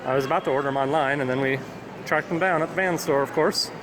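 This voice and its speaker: With a fast, higher-pitched voice, a man keeps up casual vlog chat as he explores shops and a mall. This video game collecting vlogger often checks in with a companion, and traffic and ambient noise run through the on-location recording.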